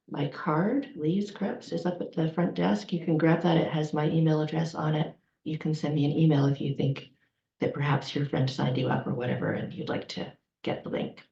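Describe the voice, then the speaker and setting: Her voice is low-pitched and darkish as she hosts a public event in a library event room, where she is the outreach coordinator. She welcomes people and chats through the announcements informally, adding jokes here and there, in a roomy, somewhat muffled live room recording.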